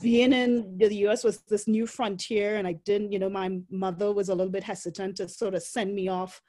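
As a guest in an interview, a woman from Trinidad in her forties recounts her story reflectively in her Trinidadian accent, laughing frequently between filler words. She speaks a little fast in a warm, mid-range voice with a level tone.

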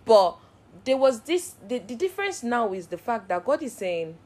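A woman hosting a devotional Bible teaching, speaking in an earnest, heartfelt way and building repeated phrases into steady cadences. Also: a little high, moderate pace. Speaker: Bible study host.

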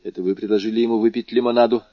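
A man voicing a grave, composed male doctor who speaks in a measured, low, sometimes hushed way. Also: level tone, dry recording, lightly acted. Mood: urgent. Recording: dull dry lo-fi recording.

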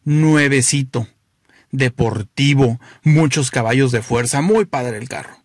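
A man with a Mexican accent telling jokes in an animated, playful way, throwing in lively exclamations. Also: medium pitch, a little slow, dry recording, clean studio sound. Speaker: joke teller. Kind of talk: oral joke telling.

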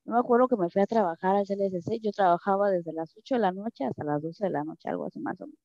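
A Mexican woman with a Mexican Spanish accent speaks quickly in a dark tone, recounting a personal story in an interview. She's emotional and often repeats phrases for emphasis. The recording is dry, dull, and low-fidelity.

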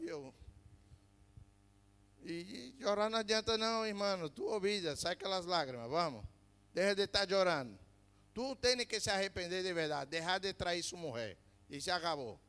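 A man preaching a fervent sermon, swinging from loud emphatic peaks to low quiet asides. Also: smooth, big-room sound.

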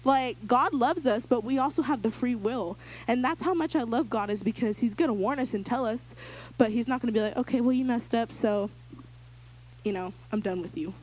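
A young woman shares her testimony with a church group in a loose, chatty way, full of "like" and quick asides. She acts out the other voices in her stories. Her voice sits a bit higher than most women's. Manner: animated storyteller acting out quoted voices; casual, filler-heavy speech. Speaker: church member giving a testimony.

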